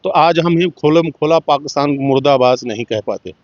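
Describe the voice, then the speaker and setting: A man's voice: on the high side, moderate pace, dry recording. Middle-aged guy from jammu & kashmir telling his story in an interview, dry muffled sound. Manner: earnest, retelling dialogue with small voice shifts. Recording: muffled, dull dry recording.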